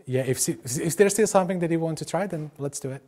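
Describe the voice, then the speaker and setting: A man moderates a live stream over a video call, calming a presenter with gentle, hesitant phrasing full of uhs. His voice sits a little higher than average for a man. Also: fairly quick. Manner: reassuring, hesitant with uh fillers.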